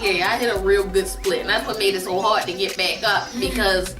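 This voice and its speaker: Background music plays as an adult woman recounts a comedic family story casually and with exaggeration, repeating phrases to stress them. She speaks briskly in a steady, mid-range voice, recorded roomy and from a distance.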